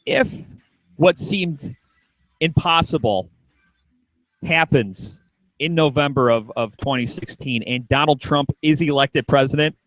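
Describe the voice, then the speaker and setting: On a low-quality recording with no room sound, a male talk radio host chats casually in a slightly high, fairly bright voice. His pace is measured with long pauses, and he jokes a lot, often stammering and starting his sentences over.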